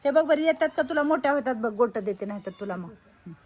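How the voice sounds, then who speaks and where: Talking fast in a high voice, a woman running an elder home hands out items while chatting with residents and coaxing them along. She's lively and calls out loudly, like casual vlog chatter.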